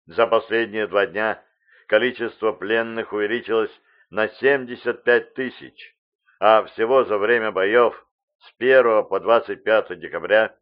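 A man reading a formal wartime radio bulletin in a slow, measured, solemn announcer's declamation. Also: fairly low pitch, muffled recording.

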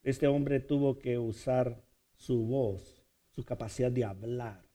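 A man preaching a sermon, building to loud, repeated appeals and stretching key words slowly. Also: medium pitch. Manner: preaching with rising, shouted repetitions and slow, drawn-out emphasis. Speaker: pastor.

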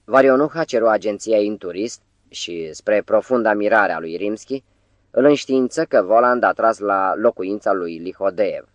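Guy reading an audiobook, deep voice, dry close sound, steady pace. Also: dry recording, lo-fi sound. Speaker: audiobook narrator. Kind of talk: literary audiobook narration.

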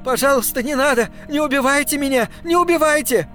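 A man voicing a rude, frightened young maid who shrieks shrill pleas. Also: normal speed, faint music behind, lightly acted. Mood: terrified.

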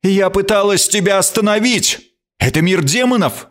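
Brief: man playing a proud storybook queen, high imperious tone, indignant and sharp. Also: expressive, measured pace. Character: haughty frightened young queen, woman. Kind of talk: audiobook character voice.

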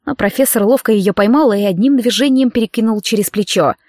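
Woman reading an audiobook, expressive, bone dry close sound. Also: a little high, brisk, dry recording. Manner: expressive storytelling. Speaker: audiobook narrator. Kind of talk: scripted romance audiobook narration.

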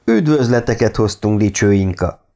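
A man's voice: lowish voice, expressive, creaky, warm tone. A man voicing a proud, menacing male conqueror in an audiobook reading, curt and stiff. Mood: stern.

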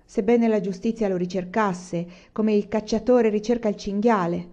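A woman reading the part of a poor, proud widow of a bandit, who tells her story in a low, confiding tone. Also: fairly even intonation, normal speed, warm tone, muffled recording, natural voice. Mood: brooding.

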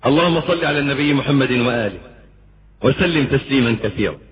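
Egyptian guy preaching, pleads then booms, dull lo-fi sound. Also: lively intonation, fast talker. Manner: impassioned, swings between pleading and booming. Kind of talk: Egyptian Arabic sermon. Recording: muffled lo-fi lecture recording with faint hiss.

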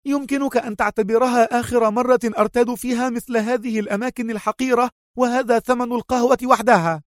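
A man voicing an indignant American woman who feigns outrage in a restaurant, scolding in a shrill, haughty way. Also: steady tone, fast talker, dry recording, studio quality. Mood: outraged.

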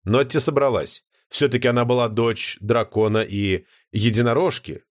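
A man narrating a fantasy audiobook in an expressive, dramatic reading. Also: mid-range voice, normal speed, no room sound, clean studio sound.

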